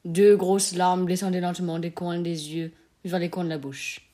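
A woman narrating a classic short story in a measured, expressive reading. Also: on the low side.

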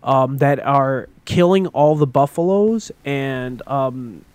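A man's voice: mid-range voice, takes it slowly, a little mellow, clean tone, no echo. A man chatting casually as a podcast co-host, rambling with lots of fillers and swearing. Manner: rambling, with many fillers and profanity. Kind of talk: casual chat.

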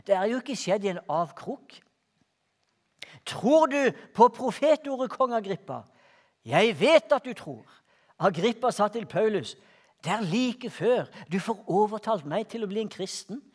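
A preacher delivers a sermon in a church hall. His voice sits very high for a man, and he tells stories along the way, stretching out the lines he wants to land and hurrying through his asides. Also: lively intonation. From Norway. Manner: storytelling preacher, swaps between slow emphatic lines and quicker asides. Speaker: pastor.

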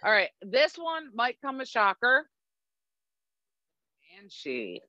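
A middle-aged woman co-hosts a casual podcast chat, blunt and sweary as she works through her list. Her voice is bright and a little high. The remote recording is dry and dull, with a lo-fi sound. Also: huge pitch swings, slow pace, dry recording. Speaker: podcast co-host.

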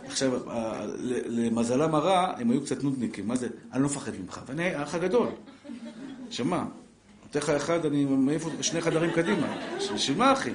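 Jokey man teaching in an echoey room. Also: medium pitch. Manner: lively, jokey, talks straight to listeners and acts out family scenes. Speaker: Torah teacher. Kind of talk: live Torah lesson to an audience. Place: class room with a live audience.

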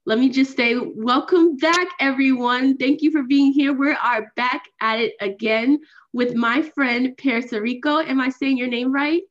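A woman's voice: high voice, a little slow, dull audio. A young woman hosting a student podcast, bubbly and enthusiastic in an upbeat way. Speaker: podcast host.

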